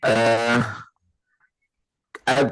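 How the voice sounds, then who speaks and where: A man asking a question in an online video-call meeting, his voice breaking up and distorted over the connection, speaking haltingly. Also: mid-range voice, little pitch movement, fairly bright tone, smooth, dry recording. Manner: halting, hesitant speech. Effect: distorted, breaking-up call audio. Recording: noisy, crackling online call.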